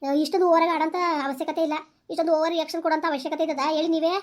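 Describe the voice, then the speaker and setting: A woman's voice: high-pitched, fairly even intonation, lightly acted. A woman playing a suspicious, hurt young pregnant wife who nags her husband in a village comedy skit. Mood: reproachful. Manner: complaining, questioning, rapid.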